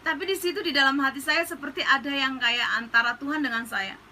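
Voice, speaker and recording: A woman's voice: high-pitched, fairly quick, bright, forceful tone, slight background noise, rough recording. A woman pastor giving an earnest, casual counseling talk that slips into slang.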